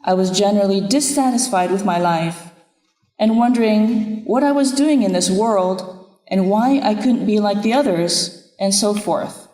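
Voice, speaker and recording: A woman minister whose first language is Japanese, giving an earnest, reflective sermon in a measured way. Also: medium pitch, warm tone. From Nepal. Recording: echoey room with long reverb.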